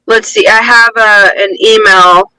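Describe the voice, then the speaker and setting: A woman guest on a podcast tells a personal story in a rambling, emotional way, full of fillers and restarts, acting out quotes. Her mid-range voice is steady and measured, bright and forceful, but the audio quality is poor.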